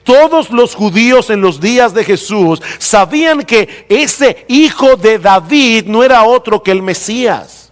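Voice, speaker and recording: A male pastor preaching a sermon in a church hall, stressing key words by slowing down and rising. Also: high-pitched, lively intonation. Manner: emphatic preaching, slows down and rises for stress. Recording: long reverb of a hall.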